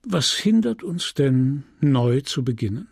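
A man's voice: mid-range voice, sing-song, slow, creaky, darkish tone, slightly rough, dry recording, clean studio sound, heavily acted. Léon, a man reading as a shy young clerk. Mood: pleading.

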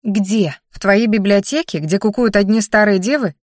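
A woman's voice: mid-range voice, normal speed, no echo, clean studio sound, close to an everyday voice. A woman voicing a pushy older mother who keeps insisting her daughter marry. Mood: insistent. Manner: insistent, scolding.

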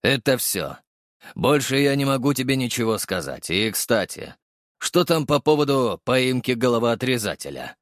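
A man's voice: mid-range voice, big pitch swings, normal speed, no room sound, lightly acted. A male audiobook reader voicing a wry, jaded middle-aged police captain who talks in a dry, knowing, matter-of-fact way. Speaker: audiobook narrator voicing a character.

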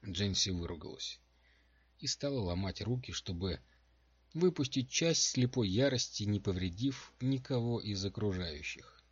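A man narrating an audiobook in a steady, even manner, recorded at home. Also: on the low side, unhurried, breathy edge, no echo, lo-fi sound. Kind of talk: scripted narration. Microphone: home microphone.

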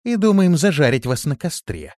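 A male audiobook reader voicing a cruel female demon who speaks in a cold, hissing, deadpan way. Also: on the high side, normal speed, pitched above the performer's own voice. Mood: menacing. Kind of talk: audiobook character voice.

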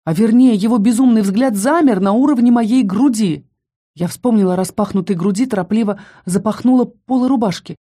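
A woman reading a first-person fantasy novel aloud in an expressive, dramatic way. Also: fairly high pitch, a little fast. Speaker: audiobook narrator.

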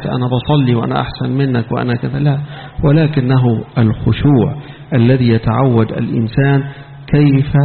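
A sheikh with an Egyptian Arabic accent gives a mosque lesson on Quran commentary, shifting from formal preaching into scolding colloquial asides. His mid-range voice has vocal fry, and the tinny, phone-like recording in an echoey hall carries slight background noise.

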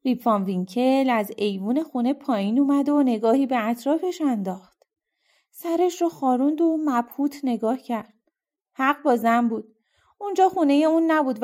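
Expressive woman storybook reader. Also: fairly high pitch. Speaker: audiobook reader. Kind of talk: storybook narration.

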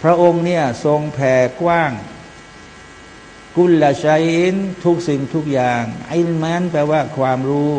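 A man's voice: on the high side, gravelly, a little mellow. A man preaching a Quran commentary, chanting Arabic verses between plain explanations and addressing his listeners as brothers and sisters. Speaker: Islamic preacher. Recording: long hall reverb, faint mains hum.

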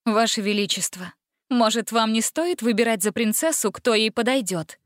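A woman's voice: on the high side, animated, normal speed, no echo, studio quality, close to an everyday voice. A woman voicing a bold, caring young heroine. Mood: persuasive.

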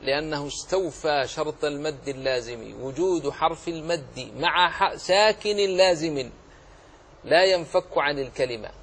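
A man teaching the rules of Quran recitation in a religious lesson, speaking haltingly, with drawn-out pauses and repeated words, and spelling out single letters one by one. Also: a little high, breathy edge.

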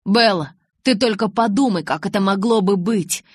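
Jacob, a woman doing a loud, cocky teenage boy. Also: medium pitch, lively intonation, normal speed, no room sound, studio quality. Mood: brash. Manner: loud, brash and insistent.

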